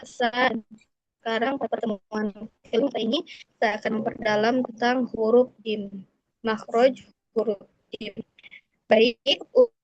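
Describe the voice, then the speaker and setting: Woman, recitation teacher, slow and explanatory, higher voice, lo-fi dry sound. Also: no echo. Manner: slow, explanatory, repeats key points. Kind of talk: tajwid lesson.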